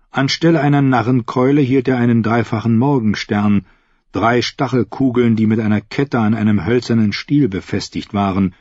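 Guy reading an audiobook, husky voice, dull lo-fi dry sound. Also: medium pitch, a little mellow, no echo. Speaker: audiobook narrator. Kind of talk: scripted fantasy audiobook narration.

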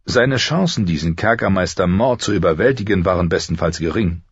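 A man narrating a fantasy audiobook in a measured, even storytelling manner. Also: deep voice, breathy edge, no room sound, lo-fi sound.

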